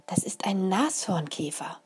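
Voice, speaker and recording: A woman voicing a gentle mother who explains things to her small daughter in a lively, patient way. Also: medium pitch, a little slow, breathy edge. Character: warm, careful mother of a small girl.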